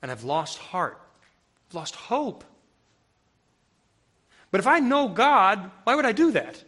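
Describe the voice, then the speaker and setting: High, bright-voiced man preaching emphatically. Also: big pitch swings, takes it slowly. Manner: conversational preaching with emphatic, rising outbursts. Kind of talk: sermon. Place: room with a live audience.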